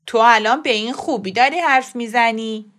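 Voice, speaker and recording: A woman voicing a bold, scheming old grandmother who talks briskly and emphatically. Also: a little high, fairly bright tone, natural voice. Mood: coaxing.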